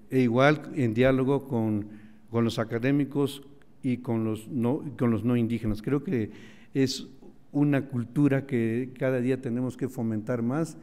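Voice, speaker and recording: Heard in an auditorium with lengthy reverb, a man with a mellow, mid-range voice delivers a formal, earnest opening address. A native Mazatec speaker who directs a national institute, he strings together lists and leans on many fillers.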